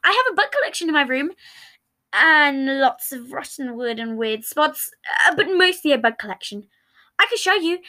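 A woman's voice: high-pitched, big pitch swings, moderate pace, bright, forceful tone, exaggerated voice. A woman voicing a manic, morbid young man who blurts out gory jokes while reading fan fiction aloud. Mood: eager.

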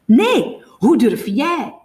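A hoarse young woman shouts and scolds with a high, urgent edge, as a woman reading a novel voices her. The rasp stays in her throat even as she pushes her voice up and forward. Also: fairly quick, natural voice. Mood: scolding.

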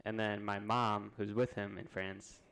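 A young man co-hosting a podcast, telling a funny family story in a relaxed, laughing way. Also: lowish voice, a little slow, creaky. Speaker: podcast co-host. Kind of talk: casual chat.

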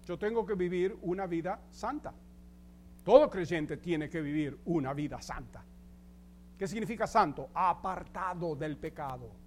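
A male pastor giving an emphatic sermon in a high, bright voice. He addresses the congregation directly with questions, and a faint hum lingers in the background. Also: lively intonation, unhurried.

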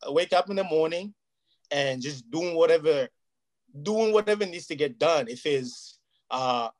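During a casual interview, a Portuguese-native man talks earnestly and at length, frequently checking "you know what I mean". His pitch is fairly high, his intonation lively, and his pace measured.

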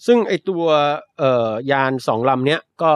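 A young man from Thailand talks through science news in a relaxed, chatty podcast manner. His voice sits a bit high and sounds dry and close to the mic, with little room around it. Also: moderate pace, no echo. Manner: explanatory, chatty, adds polite particles. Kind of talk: casual science chat.

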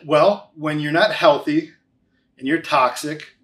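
Slow and steady, a fairly high, slightly bright male voice belongs to a financial advisor in his forties. Appearing as an interview guest, he offers a conversational testimonial, hammering home key phrases through repetition.

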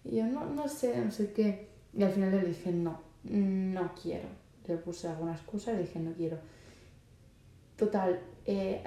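A woman's voice: fairly low pitch, mellow, slight background noise. A young woman from Spain with a Spanish accent, hosting her podcast and chatting loosely, with lots of fillers, as she gives advice. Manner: chatty, lots of fillers, acts out quoted lines. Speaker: podcast host. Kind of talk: casual advice monologue. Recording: echoey room.

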